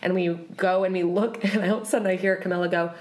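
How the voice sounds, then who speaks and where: A woman's voice: lowish voice, fairly even intonation, fast, darkish tone. A woman in her late twenties, telling stories as an interview guest and laughing through them. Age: late 20s. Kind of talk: casual storytelling. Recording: roomy echo.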